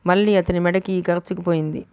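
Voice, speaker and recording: A woman reading a novel aloud as an audiobook narrator, in steady storytelling. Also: on the low side, brisk, smooth, no echo.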